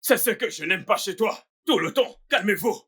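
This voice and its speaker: A man's voice: high-pitched, lively intonation, moderate pace, a bit bright, breathy edge, full character voice. A man playing a vain, hot-tempered young fashion designer in a French film dub, ranting and threatening revenge. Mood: furious. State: bleeding from the mouth after a beating.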